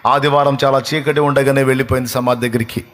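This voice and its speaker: A man's voice: mid-range voice, little pitch movement, fast, fairly bright tone. A man pastor preaching a sermon in an emphatic, repetitive rhetorical style. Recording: long hall reverb.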